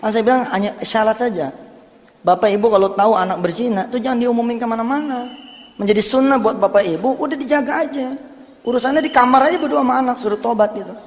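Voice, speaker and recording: A man preaching a sermon, telling a counseling story with lively swings between loud urging and hushed tones. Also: extremely high pitch, fast. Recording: long hall reverb.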